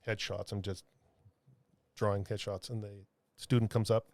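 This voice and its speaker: A man, a comic book artist, telling a heartfelt story in a podcast interview, halting with many restarts and fillers. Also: on the low side, little pitch movement, creaky, a little mellow, dry recording. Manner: earnest, heartfelt.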